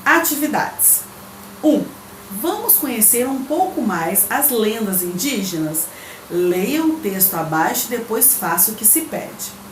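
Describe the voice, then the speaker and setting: A woman teacher with a Brazilian Portuguese accent, giving a recorded remote lesson. She reads the textbook aloud, explains it patiently and checks in with her pupils. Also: medium pitch. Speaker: primary school teacher. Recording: echoey room with faint background noise.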